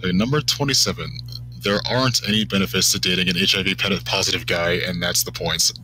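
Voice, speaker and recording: Man, very low voice, quick talker, bright edge, exasperated stream guest. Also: steady tone, slight background noise, poor audio. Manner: reads list items aloud, exasperated. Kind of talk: casual stream chat.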